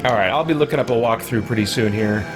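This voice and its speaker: Fast-talking and medium-pitched, an American man streams a game from his home office, offering casual, rambling, chatty commentary into a microphone with a pop guard. Loud music plays behind his voice.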